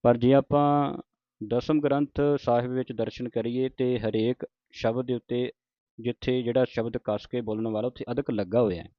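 A man, teaching scripture recitation line by line. He chants each verse slowly and forcefully, then explains its pronunciation in plain speech. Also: medium pitch, fairly even intonation, no echo, lo-fi sound.

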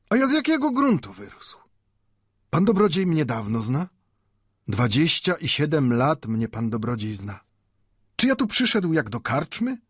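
Brief: an old bookbinder with a Yiddish accent, high and lively, proud and fervent, in a storybook reading. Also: male voice, breathy edge, no room sound, clean studio sound, full character voice. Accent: Yiddish-inflected Polish. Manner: pleading, rhetorical questions, rising to fervor. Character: old male bookbinder, impassioned, wry, proud.

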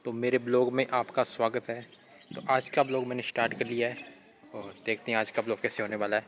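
A man's voice: medium pitch, level tone, fast. A man, rambling casually to camera in a daily vlog, often starting his lines with "to". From India. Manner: chatty, repetitive, starts lines with "to". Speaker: vlogger. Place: outdoors by a house, then inside a small temple. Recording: dull lo-fi phone audio, faint background noise.

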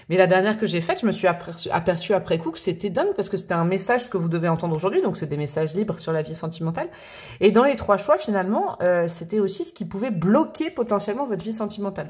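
A woman in her forties reads tarot for her online audience in a relaxed, chatty way. She rambles through asides and fillers and laughs often. Her voice sits at an ordinary middle pitch. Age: 40s. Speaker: tarot reader. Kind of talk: casual chat to camera.

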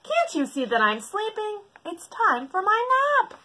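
A woman's voice: very high voice, wildly swooping pitch, measured pace, bright, forceful tone, pitched above the performer's own voice, full character voice. A woman voicing a cheerful, wide-awake baby bird with sing-song chirping in a children's storybook. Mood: insistent. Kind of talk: children's storybook read-aloud.

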